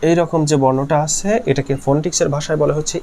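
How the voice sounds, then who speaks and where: A man's voice: on the high side, fairly even intonation, quick pace, dark tone. A man teaching linguistics in a lecture style, who models sounds by repeating words aloud and asks and answers his own questions. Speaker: linguistics tutor. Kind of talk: explanatory lecture.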